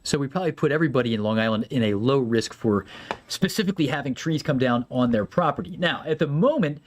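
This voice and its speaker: A man, a meteorologist, giving live severe weather commentary in a conversational way with many fillers and lively swings in pitch. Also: fast, slight background noise.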